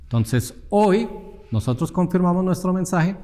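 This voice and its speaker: A man's voice: sits high, animated, a little slow, mellow. Man preaching in a reverberant hall. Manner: earnest teaching tone, rhetorical questions to the congregation. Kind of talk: sermon.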